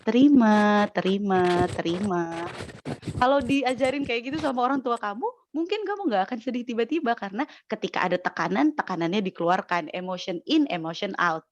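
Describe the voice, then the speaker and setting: Woman giving lively parenting advice. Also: a little high, fast, few pauses, a little hiss or hum. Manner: lively, explaining with examples. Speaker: parenting speaker answering questions. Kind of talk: advice talk. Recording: dull lo-fi audio.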